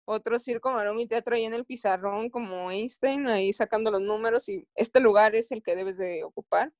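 A woman's voice: mid-range voice, darkish tone, no echo. A woman with a Mexican accent, an athlete recounting her experiences in a casual interview, often stopping and restarting her phrases. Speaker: Olympic athlete guest.

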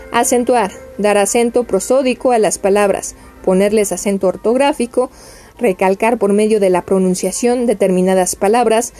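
A woman reading dictionary entries aloud in a steady list-like cadence, often stumbling and restarting words. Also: medium pitch.

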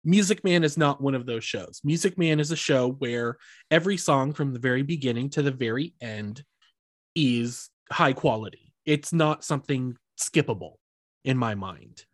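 A man's voice: medium pitch, moderate pace, no echo. A man co-hosting a podcast, recapping a musical's plot and chatting in a wry, hedging way. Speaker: podcast co-host. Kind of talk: casual chat and plot recap.

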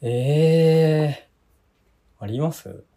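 A man with a slightly husky voice, bantering casually and tossing playful retorts as a podcast co-host. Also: medium pitch, lively intonation, quick pace, dark tone. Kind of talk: casual chat.

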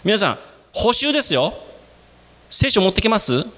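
A man preaching a sermon to his congregation, speaking to them directly. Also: moderate pace. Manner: animated, addresses the congregation directly; acts out quoted voices with sudden jumps in pitch. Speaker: pastor.

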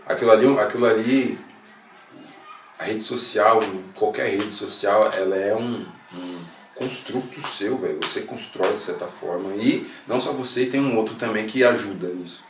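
A man's voice: fairly low pitch, normal speed. A Brazilian man in casual chat, thinking aloud and repeating words as he searches for them. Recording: roomy, distant mic, faint noise.

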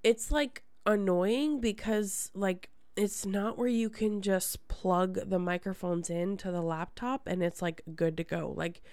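Slow-talking nasal, congested woman. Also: medium pitch, fairly even intonation, a little mellow, dry recording. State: congested from a sinus problem. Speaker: podcast host. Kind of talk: casual chat.

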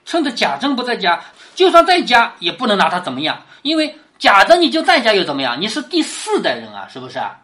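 Her medium-pitched voice swoops wildly, with a fairly bright tone, as she talks fast with few pauses. The woman is lecturing on a classic novel, unpacking and retelling it in plain talk, and she constantly asks rhetorical tag questions, lowering her voice on them.

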